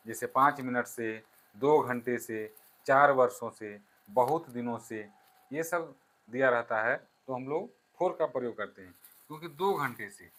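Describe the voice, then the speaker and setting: Male teacher, bright voice, slow step-by-step explanations with dictated examples. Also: mid-range voice, low-quality recording. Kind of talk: classroom grammar lesson.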